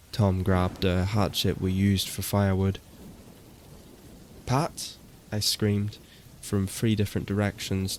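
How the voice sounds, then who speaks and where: A man reads a horror story in a very deep voice. His delivery is slow and steady. He keeps his pitch flat and unhurried throughout. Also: slight background noise. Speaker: narrator. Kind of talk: scripted horror narration.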